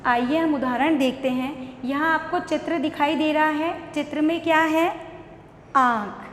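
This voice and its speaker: A woman with an Indian accent teaching young children an online lesson, spelling words slowly syllable by syllable. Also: high-pitched, steady tone, a little hiss or hum. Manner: slow, syllable-by-syllable spelling aloud. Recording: echoey room with long reverb.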